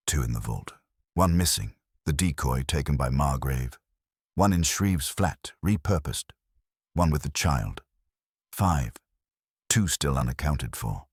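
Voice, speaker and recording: Man reading as grave, deep-voiced Inspector Purbright. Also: animated, unhurried, breathy edge, dry recording, studio quality, exaggerated voice. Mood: matter-of-fact. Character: grave, deliberate male police inspector. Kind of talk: read-aloud mystery story dialogue.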